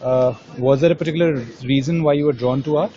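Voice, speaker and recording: Higher-voiced man asking interview questions. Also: fairly even intonation, fast talker, warm tone, muffled recording, a little hiss or hum. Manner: probing questions, rephrasing as he goes. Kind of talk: conversational interview.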